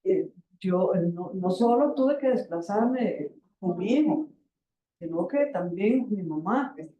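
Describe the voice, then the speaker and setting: An older woman giving a halting personal testimony as a panel guest, pausing often with fillers and repeated words, in a university auditorium. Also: medium pitch, lively intonation, muffled recording. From Costa Rica. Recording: echoey auditorium.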